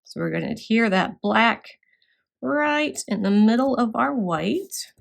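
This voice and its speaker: A woman's voice: a little high, lively intonation, unhurried, gravelly. Woman teaching a scrapbooking class. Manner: step-by-step explaining with fillers. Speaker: craft class instructor. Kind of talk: scrapbooking demonstration.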